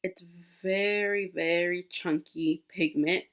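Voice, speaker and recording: A beauty vlogger in her twenties, sick with a cold, chats casually through a makeup tutorial, full of fillers and restarts. Her voice is fairly low and a bit bright, with fairly even intonation and a slow pace.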